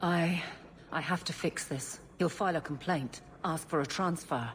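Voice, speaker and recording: An actress playing a brisk, commanding female guard captain who is awkward about romance, in a video game. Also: sits low, lightly acted. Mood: exasperated. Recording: game audio with faint ambient noise.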